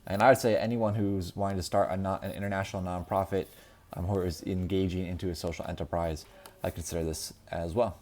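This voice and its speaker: Brief: deep-voiced male reviewer, relaxed and unscripted, plenty of filler words. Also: fast. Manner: unscripted, many ums and restarts. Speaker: book reviewer. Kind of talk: casual solo video review.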